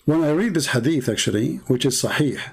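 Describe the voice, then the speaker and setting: A man with an Arabic accent, a religious debate commentator, delivers polemical commentary in English as a second language, with broken, non-native grammar. His mid-range voice is husky, brisk and lively in intonation, and he fills his argument with sarcastic rhetorical questions.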